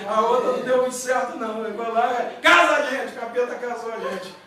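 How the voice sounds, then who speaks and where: A middle-aged man with a Brazilian accent, a pastor preaching a loud, fervent evangelical sermon full of folksy stories. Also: extremely high pitch, a little fast, a crowd in the background. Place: church hall. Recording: echoey church hall, mic far off.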